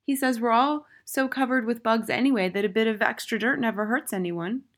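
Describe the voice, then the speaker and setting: A woman reading a storybook, voicing a brave, bright little schoolboy who answers back politely. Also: fairly high pitch, a little fast, pitched above the performer's own voice, lightly acted. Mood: earnest, cheeky.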